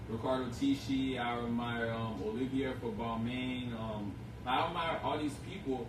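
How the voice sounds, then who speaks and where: A man's voice: mid-range voice, moderate pace. A young man from Haiti, a shop owner being interviewed, talking in an earnest, rambling way full of fillers. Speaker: guest, clothing shop owner. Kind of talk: casual interview chat. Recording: echoey room, distant mic, noisy.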